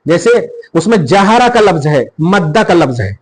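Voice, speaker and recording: A man whose voice is on the high side, sing-song and slightly breathy, explains religious practice at normal speed in a podcast. He's an Islamic scholar teaching prayer, emphatic and checking that the listener understands, in a rough recording.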